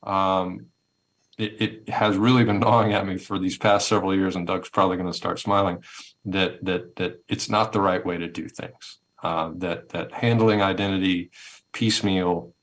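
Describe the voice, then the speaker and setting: A man's voice: low voice, steady tone, normal speed, fairly bright tone. A man giving a conversational webinar presentation over a video call, thoughtful and given to repeating words as he builds his points. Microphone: video call headset or laptop mic.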